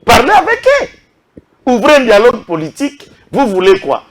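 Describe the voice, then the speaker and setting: A man's voice: very high voice, wildly swooping pitch, normal speed, a little hiss or hum. A man with a Congolese French accent giving impassioned political commentary, emphatic and full of rhetorical questions. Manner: emphatic, rhetorical questions, lists names with a repeated "est qui?".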